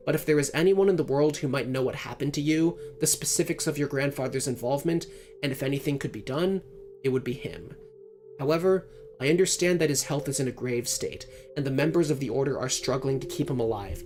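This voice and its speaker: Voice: medium pitch, a little fast, a little mellow, soft background music, lightly acted. A person reading out a formal, apologetic letter in their own voice during a visual novel read-through. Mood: regretful.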